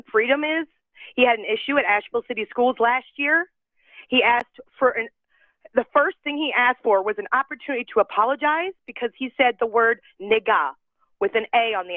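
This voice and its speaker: A woman's voice: on the high side, no room sound. Emotional woman on a tinny phone line. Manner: emotional, rapid, voice rising and breaking. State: feverish. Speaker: public commenter calling in. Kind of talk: emotional public comment.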